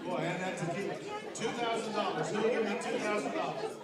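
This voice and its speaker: A man's voice: high-pitched, brisk. A man working as a live auctioneer at a charity event, repeating bid amounts and bantering informally with bidders. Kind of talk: live auctioneer calling bids. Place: large indoor event room, amplified to audience. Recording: echoey large hall with loud crowd, distant mic.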